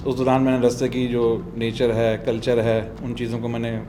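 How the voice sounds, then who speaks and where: With faint music playing behind him, a middle-aged man from Multan, South Punjab, Pakistan, shares his story as an interview guest in a conversational way. He is a podcast guest, doctor and motorbike traveller with a southern Punjab accent, and his medium-pitched, warm voice stays completely flat at a normal speed.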